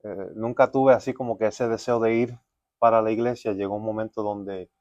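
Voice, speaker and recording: A man with a low voice tells his life story as a pastor in a podcast interview. He speaks earnestly and reflectively, often pausing on fillers. The sound is dull and lo-fi, with no room echo. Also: level tone, darkish tone. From United States. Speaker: pastor, guest. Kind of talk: relaxed testimony interview.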